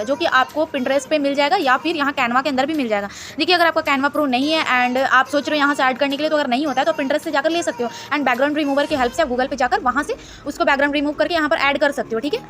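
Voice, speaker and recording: A woman's voice: high-pitched, a bit bright. A woman hosting a screen-recorded design tutorial, chatty and instructive, mixing English words into her Hindi.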